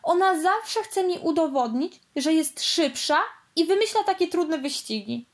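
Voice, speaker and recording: A woman's voice: very high-pitched, lively intonation, a little slow, pitched above the performer's own voice. A woman voicing a grumpy young boy race car in a storybook, sulky and complaining. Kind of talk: storybook read-aloud.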